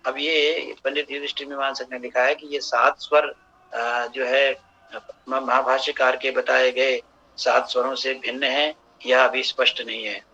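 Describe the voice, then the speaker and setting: A man's voice: medium pitch, flat delivery, unhurried, pushed and bright, slightly rough. A man lecturing in a seminar, explaining step by step and often restarting his phrases. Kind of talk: academic lecture. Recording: dull lo-fi recording.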